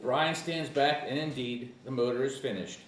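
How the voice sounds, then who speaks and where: At a comedic table read, a man casually reads screenplay action lines as narrator, stumbling over words and chuckling. His mid-range voice moves at a moderate pace. The room is echoey, he's far from the mic, and there's faint noise.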